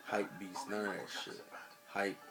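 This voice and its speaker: A man's voice: on the low side, little pitch movement, a little slow, music in the background. An American man in a casual rant to camera, blunt and emphatic, swearing heavily and repeating himself for emphasis. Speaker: sneaker vlogger.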